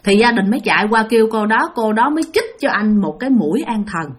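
A woman tells a ghost story to her listeners in a lively, sweeping voice. Her tone sits a little high with a husky grain. She keeps turning to address the audience as she goes. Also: fast talker. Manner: animated, addresses listeners directly. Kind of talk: spoken ghost story telling.

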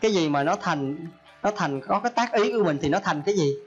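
Folksy monk. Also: male voice, fairly high pitch, animated, quick pace, lo-fi sound, soft background music. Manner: folksy, acts out quoted speech. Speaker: Buddhist monk teacher. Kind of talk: Dharma talk sermon.

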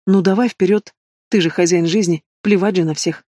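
A man's voice: sits high, fairly even intonation, moderate pace, no echo, studio quality, close to an everyday voice. A man voicing a frightened but defiant young pregnant woman in an audiobook. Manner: sharp and defiant.

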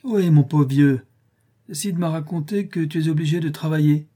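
In an audiobook reading, a man voices an eager young boy playing at being a steamboat, shouting out commands and making bell noises. His pitch is fairly high and pushed up, slightly rough, animated yet measured in pace. The mood is teasing and pleading.

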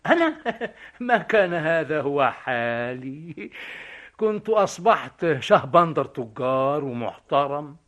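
Guy playing a cheeky egyptian drifter on stage, high lively voice, always mocking and joking around. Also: slow, exaggerated voice. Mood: sly. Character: cheeky witty Egyptian vagabond man. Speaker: stage actor. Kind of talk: stage comedy acting.

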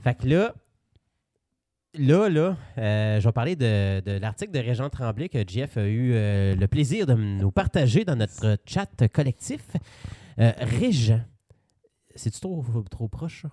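A man with a Québécois French accent co-hosting a podcast, telling stories with lively swearing and animated asides. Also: medium pitch, a little slow, no room sound, studio quality. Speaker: podcast co-host. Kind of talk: casual chat.

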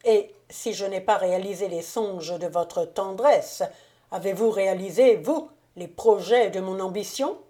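A woman reading the lines of a proud, sardonic count with bitter scorn, slow and mellow. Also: medium pitch, lightly acted. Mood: scornful. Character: proud sardonic male count, cold and mocking. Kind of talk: audiobook character reading.

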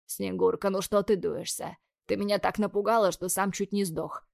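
A woman's voice: mid-range voice, steady tone, gravelly, a little mellow, dry recording, clean studio sound, close to an everyday voice. Woman voicing a cocky, tender young man. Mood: coaxing. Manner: unhurried, smug and tender.

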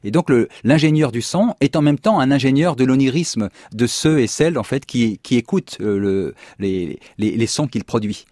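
A man speaking as a philosopher guest on a radio show, halting and restarting while he searches for words. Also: medium pitch, animated, dark tone, dry recording, clean studio sound. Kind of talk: radio discussion.

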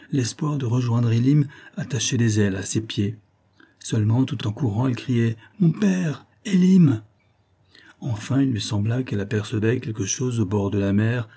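A man narrating a classic novel as an audiobook, measured and dramatic. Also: on the low side, warm tone, breathy edge. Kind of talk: scripted literary narration.

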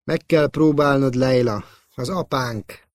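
A man's voice: mid-range voice, no room sound, studio quality, close to an everyday voice. A man reading as an earnest young Jedi knight. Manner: earnest, gentle. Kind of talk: audiobook character reading.

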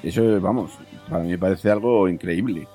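A man's voice: sits low, brisk, dark tone, soft background music. A man hosting a radio interview, asking short, direct questions.

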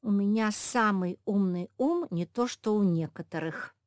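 A woman voicing the youngest little female pug, boastful and impatient, who shouts and bosses the others. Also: medium pitch, unhurried, no echo, studio quality, pitched above the performer's own voice. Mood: sulky. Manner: excited, bossy shouting.

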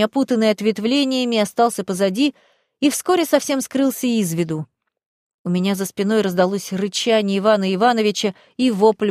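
A woman's voice: mid-range voice, a little mellow, no echo, clean studio sound. A woman reading a first-person story aloud in a dramatic, tense way. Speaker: audiobook reader. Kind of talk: first-person audiobook narration.

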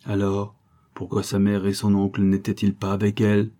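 A man with a fairly low voice narrates a novel as an audiobook narrator, giving a steady, measured scripted reading.

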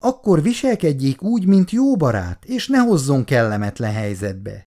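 A reader voicing a proud, touchy young woman who speaks in sharp, indignant lines in a storybook reading. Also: very deep voice, very animated, pitched above the performer's own voice, exaggerated voice.

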